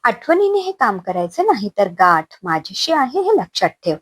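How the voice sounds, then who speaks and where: A woman voicing a young man who menaces his sister-in-law, in a husky, threatening tone. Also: medium pitch, very animated, moderate pace, fairly bright tone, no echo. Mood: menacing. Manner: threatening, coaxing. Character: young male brother-in-law, menacing and pushy.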